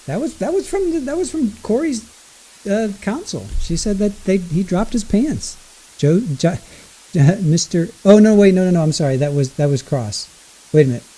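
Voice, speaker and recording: A man giving casual live commentary, rambling and correcting himself as he goes, with a low hiss under his voice. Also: lively intonation, moderate pace, mellow, slightly rough, low-quality recording. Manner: rambling, self-correcting, exclaiming. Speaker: livestream trial commentator.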